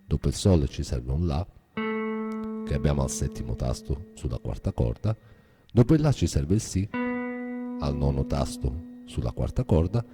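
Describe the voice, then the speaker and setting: A man's voice: rumbling low, expressive, moderate pace. A man giving a guitar lesson, explaining a scale step by step in a methodical way. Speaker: guitar teacher. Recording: guitar playing behind voice.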